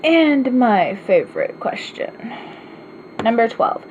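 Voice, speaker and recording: In a slightly dull home recording with faint hiss, an Arkansas-accented woman answers questions on her casual vlog. Her voice is on the high side and darkish in tone, slow and sing-song. She chats and rambles, self-deprecating throughout.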